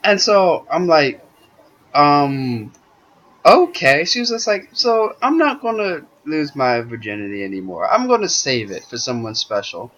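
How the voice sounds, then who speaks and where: A man's voice: on the high side, a little slow. A man telling a story on a podcast in a casual, profane way, acting out the dialogue of the people in it. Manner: animated, profane, acts out quoted dialogue. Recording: dull lo-fi recording.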